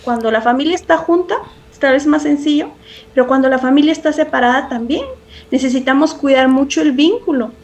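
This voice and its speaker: A woman with a notably high voice talks through parenting in a podcast interview. She is earnest and reflective, often restarting phrases and tagging questions onto her points. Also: a little fast, a little mellow. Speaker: parenting guest expert.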